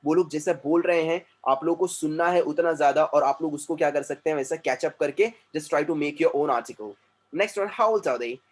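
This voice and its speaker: A man's voice: fairly high pitch, steady tone, normal speed, hardly any pauses, a little mellow. Stern man teaching English. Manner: mixes Hindi and English, stern and repetitive. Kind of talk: online class lecture.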